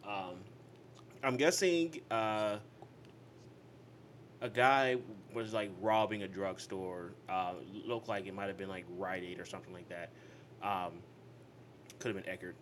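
A man's voice: low-pitched, fairly even intonation, unhurried, long pauses, a bit bright, slight background noise. Profane young man telling a story. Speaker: podcast co-host. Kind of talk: casual podcast banter.

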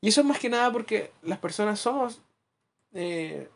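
A man with a Chilean accent chatting casually as a podcast co-host, acting out his anecdotes with lively asides. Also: sits high, normal speed, gravelly. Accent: Chilean Spanish. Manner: animated storyteller, acts out anecdotes, laughs at his own jokes. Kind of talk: casual chat.

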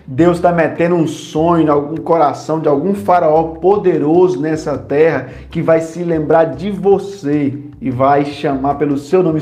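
A man preaching a sermon, retelling Bible stories with lively acted-out lines and soothing repeated reassurance. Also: fairly high pitch. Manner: animated storytelling, acts out biblical characters' lines; soothing repetition.

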